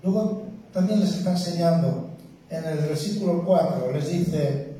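A man with a Spain Spanish accent preaching an earnest sermon, slightly high-pitched with a warm, mellow tone. His emphatic delivery swings from loud to hushed. He is heard from a distance in a very echoey church with faint ambient noise. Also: measured pace. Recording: very roomy church hall from a distance.

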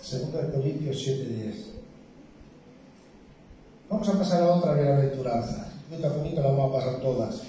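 Spanish preacher in an echoey church hall. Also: male voice, mid-range voice, a little fast, long pauses, a little hiss or hum. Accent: Spain Spanish. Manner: earnest, emphatic, swings between loud and hushed. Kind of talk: sermon. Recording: very roomy church hall from a distance.

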